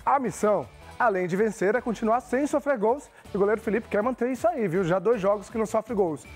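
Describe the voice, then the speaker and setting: Brisk, high-pitched male TV sports presenter with a teasing manner. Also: faint music behind. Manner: teasing, upbeat. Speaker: sports TV reporter. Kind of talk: lively sports feature presenting.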